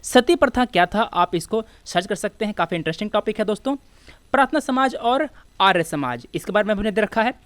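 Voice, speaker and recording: In a mid-range voice that is animated and fairly quick, with no room sound, an Indian-accented woman walks students through exam questions. Her exam prep lecture alternates between Hindi and English, and she teaches didactically, regularly asking questions and supplying the answers herself.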